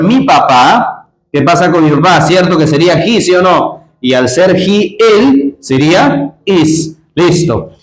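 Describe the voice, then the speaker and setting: A man teaching English grammar, explaining in Spanish and asking his students questions. He spells out endings letter by letter. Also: fairly high pitch. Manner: explains in Spanish, asks the class many questions. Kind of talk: classroom-style grammar lesson. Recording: echoey room.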